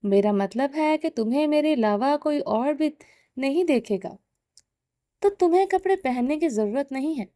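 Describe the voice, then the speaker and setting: A woman's voice: sits high, expressive, dark tone, no echo, studio quality. Woman reading as Jahangir, possessive mafia boss. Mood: taunting. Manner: taunting, commanding. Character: domineering possessive male mafia boss, teasing.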